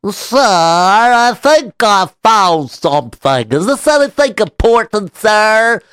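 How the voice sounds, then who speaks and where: A man voicing an excitable, gossiping male villager, repeating words frantically. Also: sits high, slow, smooth, no echo, clean studio sound, voice pushed up, exaggerated voice. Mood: frantic.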